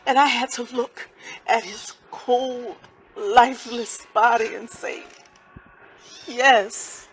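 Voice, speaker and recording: A woman acting a grieving mother in a stage play, speaking colloquially and swinging between hushed grief and angry outbursts. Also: a little high, steady tone, slow, low-quality recording. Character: grieving mother, raw with sorrow and rage. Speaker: mother of a son shot by police.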